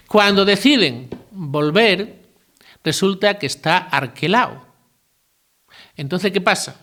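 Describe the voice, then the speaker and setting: A priest. His voice sits a little higher than most men's. He keeps it conversational, putting questions to his listeners and dropping in jokes along the way. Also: bright, forceful tone. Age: 50s. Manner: conversational, asks listeners rhetorical questions, adds asides and jokes. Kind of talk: retreat talk.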